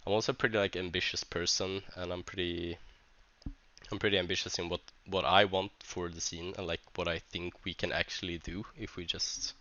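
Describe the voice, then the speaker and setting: A man with a Swedish accent, a tournament organizer who speaks English as a second language, reads a vlog script in a halting, hesitant way with many restarts while sounding stuffy from a cold. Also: deep voice, level tone, pushed and bright, dry recording, lo-fi sound. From Sweden.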